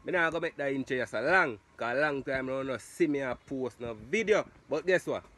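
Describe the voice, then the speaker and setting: A young man with a Jamaican accent chatting excitedly to a phone camera in an outdoor yard as he hosts a cooking vlog. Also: mid-range voice, normal speed. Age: young adult. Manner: excited, loud patois banter to camera. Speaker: vlogger. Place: outdoor yard among banana trees. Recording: loud outdoor background noise.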